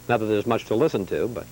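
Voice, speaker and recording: A man's voice: on the low side, a little mellow, a little hiss or hum, rough recording. A male TV news correspondent rehearsing his piece to camera for a raw feed, repeating his lines and cursing at his own slips. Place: remote location.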